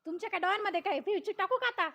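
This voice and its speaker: A woman acting a sharp-tongued young village wife, scolding with quick retorts. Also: very high-pitched, no echo. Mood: irritated.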